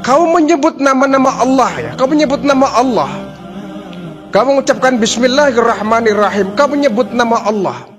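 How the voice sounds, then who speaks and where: A man's voice: normal speed, music in the background. A man voicing an arrogant, furious male Pharaoh tyrant in a preached story, threatening in a raised voice. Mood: indignant. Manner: shouting, raised-pitch threats.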